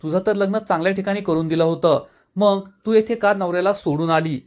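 A man reading the lines of a sharp-tongued married woman in a family quarrel, quick and snapping in his own voice. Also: sits high, lightly acted. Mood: angry.

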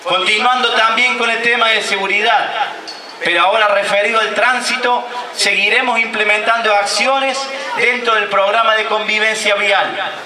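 A man's voice: high voice, steady tone, normal speed, crowd noise. A man in his thirties with an Argentine accent, a mayor reading a formal speech at an outdoor ceremony. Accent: Argentine Spanish. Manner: declamatory, reading a prepared speech. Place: outdoor covered stage at a public ceremony. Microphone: stand mic at a lectern. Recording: echoey outdoor PA sound from far off.

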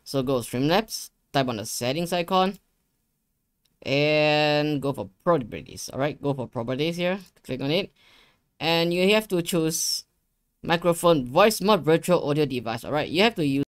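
A young man with a slightly high, animated voice gives an informal screen-share tutorial at normal speed, seated at his gaming-room desk. He repeats phrases and speaks to his viewers. The sound is dry, with no room tone.

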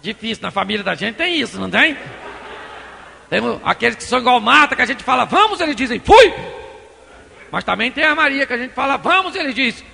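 A man preaching a sermon as pastor, animated and acting out scenes with changing voices. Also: extremely high pitch, fast, vocal fry, long reverb tail, a little hiss or hum.

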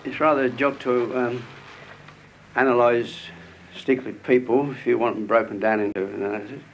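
A workshop owner answers questions hesitantly, searching for his words between ums. His voice sits at an ordinary pitch for a man. A faint hiss runs behind him. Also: fairly even intonation, brisk, low-quality recording. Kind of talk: interview answers.

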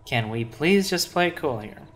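A man's voice: fairly high pitch, lively intonation, moderate pace, fairly bright tone. A man reading a sarcastic grumpy witch. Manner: dry and sarcastic. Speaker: game dialogue reader. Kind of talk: reading game dialogue aloud. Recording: faint game music behind.

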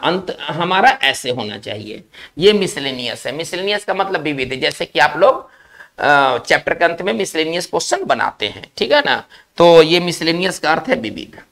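A male teacher giving a spelling lesson, explaining slowly, repeating key words and checking in with his class. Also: a little high, sing-song, a bit bright.

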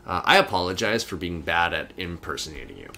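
A man's voice: low-pitched, expressive, a little fast, sharp tone, slight background noise. A young man casually joking and riffing while commenting on gameplay with a friend. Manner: jokey, riffing banter. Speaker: let's play co-host.

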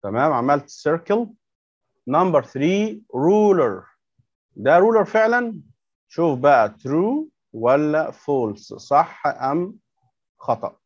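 His voice on the high side with big pitch swings, a man with an Egyptian Arabic accent slowly guides young children through English words in a step-by-step workbook lesson. He patiently repeats and questions them; there's no echo and the highs are cut off.

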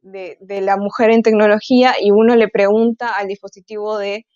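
A woman's voice: medium pitch, fairly even intonation, moderate pace, darkish tone, dry recording. Hesitant woman, dull dry audio. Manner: hesitant, with frequent filler sounds and restarts. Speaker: conference speaker. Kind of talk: online tech conference talk.

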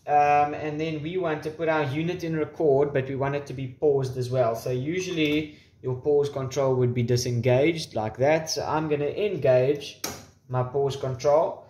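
A man in his twenties with a fairly high, steady, slightly mellow voice presents an informal how-to tutorial at a moderate pace from a small room at home. He adds wry, joking asides and mild swearing. It's recorded on the camera's built-in microphone at varying distance.

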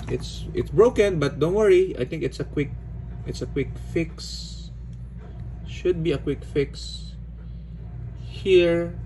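A man from the Philippines casually narrating an unboxing, relaxed, with frequent "okay"s and fillers. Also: on the high side, poor audio. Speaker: unboxing vlogger. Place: indoors at a table. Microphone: phone or camera filming hands overhead. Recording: home recording with audible background noise.

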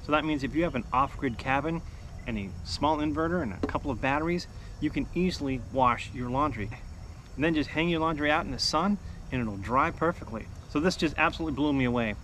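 A chatty man in his forties records a casual how-to vlog outdoors beside his house, on a close camera mic. His voice sits a little high, and he walks through his setup step by step in an upbeat way. Faint outdoor ambience sits under the speech. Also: brisk, fairly bright tone, slight background noise. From United States. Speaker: off-grid homestead vlogger. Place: outdoors by a house wall in a backyard.

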